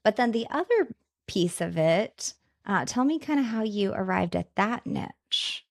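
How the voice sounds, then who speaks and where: A woman's voice: medium pitch, expressive, a little slow, gravelly, no room sound, studio quality. A woman hosting a podcast, asking questions in a casual, enthusiastic, affirming way. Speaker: podcast host. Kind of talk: casual interview.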